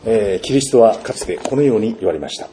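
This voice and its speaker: A man's voice: on the low side, lively intonation, fast talker, mellow, slight background noise. A man, a pastor, giving a sermon in a storytelling manner, with rhetorical questions and vivid sound words.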